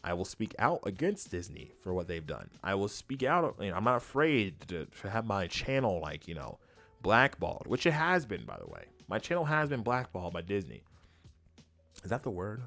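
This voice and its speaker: A man's voice: on the low side, huge pitch swings, normal speed, creaky, fairly bright tone, soft background music. A man giving casual, opinionated livestream commentary as a host, speaking emphatically and often repeating his phrases for weight. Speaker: YouTube host and streamer.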